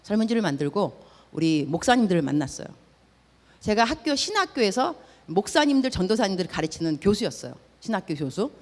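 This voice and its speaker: A woman's voice: medium pitch, fairly quick. Woman missionary preaching, voice jumps all over as she tells stories, big echoey church. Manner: lively, acts out dialogue, drops in English words. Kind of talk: storytelling sermon.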